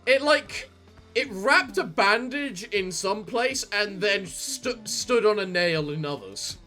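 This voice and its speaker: A man with a high, bright voice gives casual gaming commentary as a co-host. He rambles in big swooping intonation, a touch theatrical, over game music. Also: animated, takes it slowly. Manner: rambling, theatrical sign-offs. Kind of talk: casual let's play commentary.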